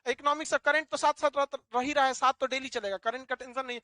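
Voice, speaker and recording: A male teacher lecturing a classroom, animated, asking the class questions and answering them himself. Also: very high-pitched, quick pace, no room sound.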